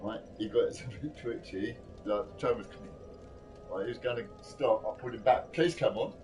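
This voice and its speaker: Rough-talking London man, music behind. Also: lowish voice, fairly quick, a little mellow. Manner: rough London slang, sweary. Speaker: live-streamer telling personal stories. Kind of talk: casual chat, anecdotes. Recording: distant mic with music behind.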